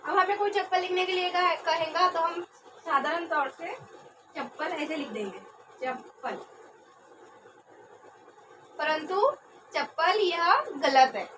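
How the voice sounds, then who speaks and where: Slow-teaching young woman, distant and noisy. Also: very high voice. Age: young adult. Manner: slow, repeats words, asks and answers own questions. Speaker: trainee teacher. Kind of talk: classroom lesson. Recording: distant mic with background noise.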